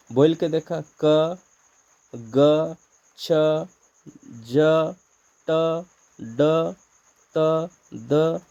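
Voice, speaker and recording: A man's voice: fairly high pitch, mellow, lo-fi sound. A man with a Nagpuri accent teaching an exam-prep grammar lesson, explaining step by step and asking and answering his own questions.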